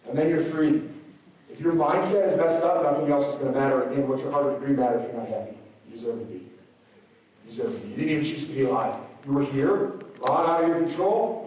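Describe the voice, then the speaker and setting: A slightly hoarse man giving an energetic motivational speech to a school assembly, swinging between loud peaks and soft asides. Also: a little high, far from the mic. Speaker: motivational speaker. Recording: very echoey hall, recorded from afar.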